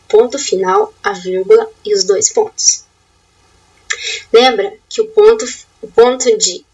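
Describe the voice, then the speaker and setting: Lively, high-pitched woman teaching a lesson. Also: creaky, distant mic, rough recording. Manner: asks questions and gives step-by-step instructions; rising, emphatic teacher intonation. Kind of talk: remote lesson going over a worksheet.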